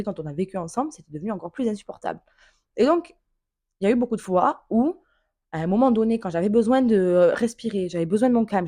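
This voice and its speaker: A woman's voice: mid-range voice, warm tone. A young woman talking candidly and emotionally in a personal vlog, informal and blunt, with slang and the odd swear word. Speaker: vlogger.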